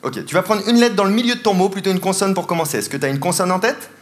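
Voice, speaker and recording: A fast-talking man with a high voice performs a comedic mentalism show on a large theatre stage. He teases volunteers, laughs often as he talks, and the live recording is full of audience laughter and applause.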